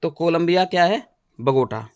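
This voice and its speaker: A man's voice: a little high, lively intonation, moderate pace, smooth, no room sound, muffled recording. A male teacher giving an exam-prep general knowledge lesson, repeating names and making playful wordplay memory tricks.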